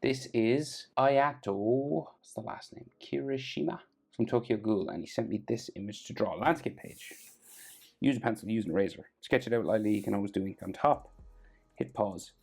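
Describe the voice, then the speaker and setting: Gravelly, husky voice giving casual drawing instruction. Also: medium pitch, a little mellow. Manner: halting, thinking aloud in short fragments. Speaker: drawing tutorial host. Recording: background noise and music.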